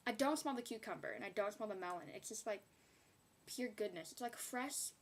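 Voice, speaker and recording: A woman's voice: mid-range voice, animated, brisk. A young woman chatting casually in a beauty haul video, rambling with giggly asides. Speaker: beauty vlogger.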